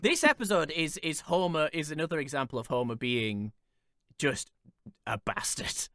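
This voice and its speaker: A man in casual podcast chat, excitable and swearing freely. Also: on the high side, moderate pace, dry recording, clean studio sound.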